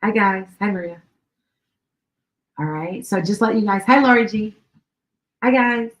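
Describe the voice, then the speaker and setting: A middle-aged woman with a Chicago-Wisconsin accent speaks at a medium pitch and measured pace in an echoey room. She's a psychic medium doing live-stream readings for viewers, chatting away, repeating herself and often checking that what she says makes sense.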